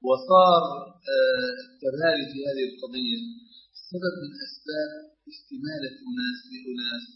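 Fast, animated man in scholarly debate. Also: on the high side. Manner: emphatic, argues point by point. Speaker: student questioning a sheikh. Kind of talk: scholarly discussion. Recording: dull old lo-fi tape.

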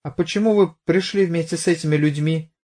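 A man's voice: on the high side, fairly quick, dark tone, voice pushed up, lightly acted. A man voicing an evasive young woman under questioning who flares up in anger, in an audiobook. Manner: evasive, hesitant, bursts out angrily.

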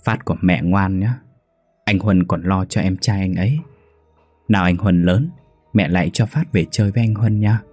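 A man voicing an elegant, wealthy mother who soothes her son softly. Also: low voice, fairly even intonation, moderate pace, husky, no echo, faint music behind. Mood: soothing. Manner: soft, coaxing.

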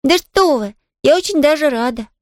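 A sunny, talkative little orphan girl, as a woman reader puts her on in an audiobook, eager and reassuring. The voice sits high and bright above the narration. The sound is dry and close. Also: expressive, no echo. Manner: eager, bubbly, quick to reassure. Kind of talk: audiobook character reading.

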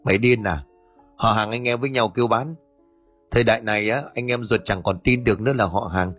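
A man's voice: lowish voice, a little fast, a bit bright, faint music behind. A man reading the part of a cocky older male cousin who talks brusquely and mockingly. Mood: scoffing.

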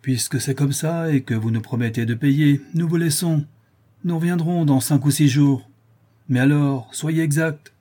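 A man reading an audiobook and voicing a coarse, impatient bailiff's officer who talks gruffly and brusquely. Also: mid-range voice, moderate pace, dark tone, lightly acted. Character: rough male debt collector's officer, impatient and coarse.

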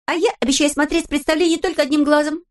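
A woman's voice: high voice, fast, pitched above the performer's own voice, natural voice. A woman reading aloud, voicing a bold, impulsive, tender-hearted girl in exclamations that turn tearful. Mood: excited. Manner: excited, emphatic, tearful exclamations.

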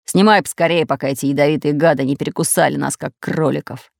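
Woman doing a gruff pirate captain. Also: low-pitched, fairly even intonation, quick pace, no room sound, studio quality. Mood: bossy. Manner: growling, commanding. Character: fat red-bearded pirate captain, gruff and bossy.

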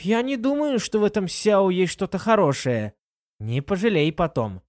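A woman's voice: mid-range voice, animated, normal speed, darkish tone, dry recording, clean studio sound, voice pushed up, natural voice. A reader voicing a bratty, teasing young girl in a storybook reading. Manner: mocking, teasing.

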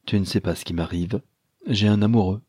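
A man's voice: fairly low pitch, fairly quick, darkish tone, husky, no room sound, clean studio sound. A man voicing a teasing young society lady. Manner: playful, teasing. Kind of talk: audiobook character voice.

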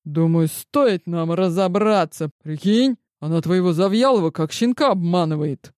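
A woman reading an audiobook voices a brash, scheming, foul-mouthed woman friend who talks fast and bluntly, dry and close. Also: on the low side, lively intonation, a little mellow, no echo, close to an everyday voice.

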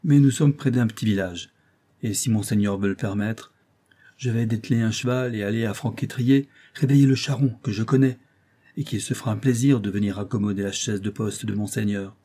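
Un homme lisant un postillon déférent. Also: male voice, fairly low pitch, steady tone, a little fast, warm tone, natural voice. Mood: deferential. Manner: respectful, explanatory. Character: deferential coachman postilion, practical.

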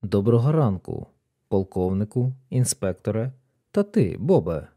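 A man voicing a calm low-spoken detective. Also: measured pace. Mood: composed.

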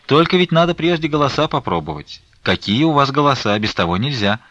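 A man's voice: mid-range voice, expressive, a little fast, fairly bright tone, dry recording, pitched above the performer's own voice. A man voicing a polite, obliging male church singer visiting a convent. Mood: courteous. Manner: courteous, obliging. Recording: dull lo-fi dry recording.

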